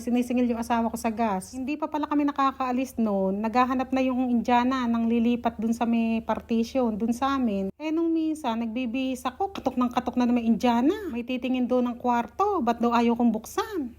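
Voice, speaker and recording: A woman's voice: sits high, darkish tone. A young woman casually telling her own life story, chatty and often laughing. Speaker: vlogger.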